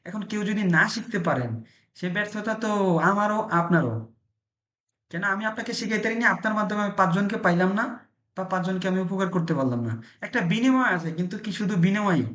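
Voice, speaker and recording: A teacher lectures in an earnest, urging way. The teacher poses rhetorical questions and then answers them. The voice sits at a middle pitch and is recorded in a roomy, echoing space. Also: quick pace, fairly bright tone, lo-fi sound. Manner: earnest, exhorting tone. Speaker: Italian language teacher. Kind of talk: online lecture. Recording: echoey room.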